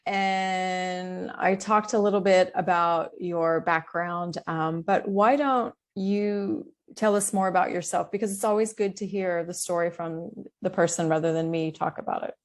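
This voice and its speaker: Woman podcast host, lowish voice, easygoing questions. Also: a little slow, few pauses. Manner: conversational, asks open questions. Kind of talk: conversational interview.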